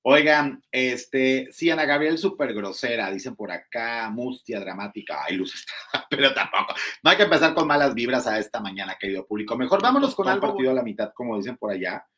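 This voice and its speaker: A man's voice: animated, brisk, fairly bright tone. Male host with a Mexican accent for celebrity gossip chat, talkative and mocking. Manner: chatty and gossipy, with lots of fillers; mimics others in a high, mocking voice. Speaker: entertainment show host. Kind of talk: casual gossip commentary.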